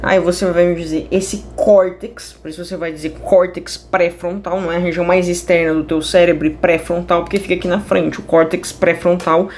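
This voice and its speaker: A woman's voice: lowish voice, steady tone, fairly quick, few pauses, a little mellow, a little hiss or hum. A woman teaching a class in a casual, chatty way, drifting off topic and correcting herself with many fillers. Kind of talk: casual online class explanation.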